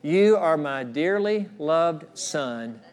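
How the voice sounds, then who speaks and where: A middle-aged pastor preaches an earnest, expressive sermon to his congregation in a church sanctuary, his voice pitched a little high for a man. He often repeats himself and quiets to a soft, slow hush whenever quoting.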